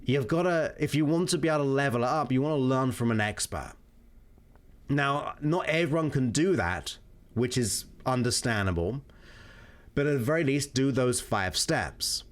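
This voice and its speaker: A man giving informal self-help coaching, repeating and listing his points for emphasis. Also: mid-range voice. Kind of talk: informal explanatory talk.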